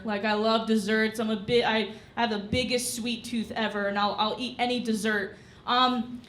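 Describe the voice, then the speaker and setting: A young woman with a fairly high, bright voice performs a stand-up comedy set on a club stage, chatting away with plenty of "you know" asides. The club sounds echoey, with audience noise and live laughter in the background.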